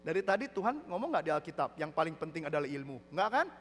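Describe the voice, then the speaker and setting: A man preaching a sermon, telling lively stories and acting out the people in them, mixing English phrases into his talk. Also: a little high, fast. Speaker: pastor. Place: church hall. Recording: long hall reverb, faint mains hum.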